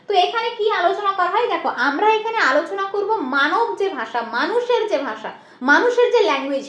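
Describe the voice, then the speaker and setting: A woman teaching an exam-prep lesson, explaining step by step and answering her own questions, often slipping in English terms. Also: extremely high pitch. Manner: mixes in English terms and phrases. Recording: echoey room.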